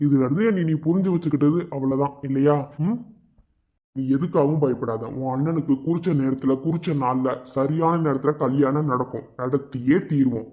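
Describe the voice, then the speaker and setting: A man's voice: mid-range voice, mellow, close to an everyday voice. A man voicing a male college student who earnestly reassures his fiancée and promises to protect her. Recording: dull lo-fi sound.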